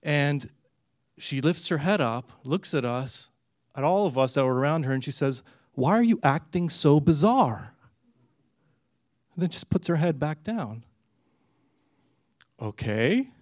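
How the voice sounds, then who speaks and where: A man's voice: on the high side, expressive, dry recording. Conversational man preaching a sermon, dry sound. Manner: storytelling, conversational with fillers and pauses. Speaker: pastor.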